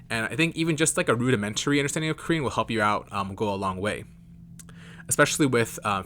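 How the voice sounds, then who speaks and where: A man's voice: lowish voice, pushed and bright, a little hiss or hum. A young American man in his twenties, chatting casually to camera in a loose, rambling way. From California, United States. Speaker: K-pop fan vlogger.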